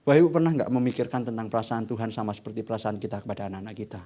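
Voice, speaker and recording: A young man preaching a sermon in church, animated and asking the congregation questions. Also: fairly low pitch, very fast. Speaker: evangelist preacher.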